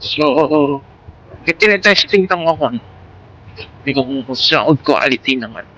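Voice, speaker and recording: This motovlogger, who has a Filipino accent, has a fairly high, bright and forceful voice, expressive and a little slow. He rambles casually in an informal vlog with English words mixed in, recorded poorly on a Bluetooth intercom headset with vehicle noise.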